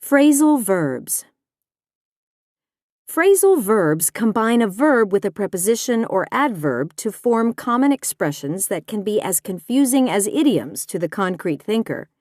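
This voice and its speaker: A woman reading nonfiction aloud in a measured, deliberate way. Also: mid-range voice, big pitch swings, darkish tone, dry recording, studio quality. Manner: measured, deliberate delivery of examples. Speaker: audiobook narrator.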